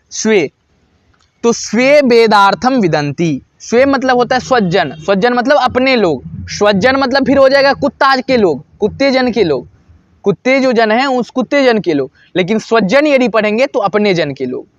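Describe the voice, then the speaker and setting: A man teaching a Sanskrit grammar lesson, who asks questions and answers them himself and repeats each example slowly. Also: high-pitched, dry recording, highs cut off.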